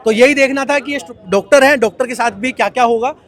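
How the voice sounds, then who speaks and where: Reporting live from an outdoor street protest, a man with a very high voice talks fast as he interviews protesters, his indignation growing until he's loud and impassioned. A protest crowd is faintly audible.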